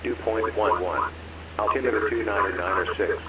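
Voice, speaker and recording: A man's voice on a recorded airport weather broadcast, heard over aircraft radio, reading numbers and runway notices in an even, deliberate way. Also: fairly low pitch. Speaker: automated airport information broadcast. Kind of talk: measured, formulaic weather readout. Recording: echoey, very noisy radio channel.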